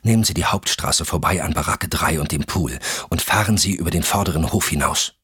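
A man playing a hunted man in an audiobook thriller, urgent and clipped, giving quick orders. His voice sits extremely deep and sounds husky, recorded dry and close. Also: a bit bright, dry recording, exaggerated voice. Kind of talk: audiobook character voice.

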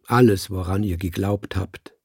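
A man's voice: low voice, darkish tone, slightly rough, no echo, clean studio sound, full character voice. A man reading an audiobook and voicing a male cat who preaches to other cats in a sonorous, solemn manner. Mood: grave. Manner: sonorous, slow and grave like a sermon.

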